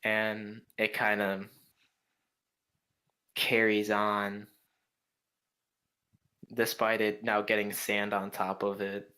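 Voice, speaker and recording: A man's voice: fairly low pitch, monotone, takes it slowly, pauses often, bright, forceful tone, low-quality recording. A young man narrating as game master, describing scenes in a meandering way full of fillers like "like" and "kinda".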